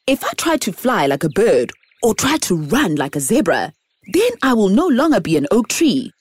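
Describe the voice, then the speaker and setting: A woman's voice: mid-range voice, big pitch swings, normal speed, breathy edge, no room sound. A woman voicing a cheerful, contented male oak tree in a storybook, sing-song and upbeat.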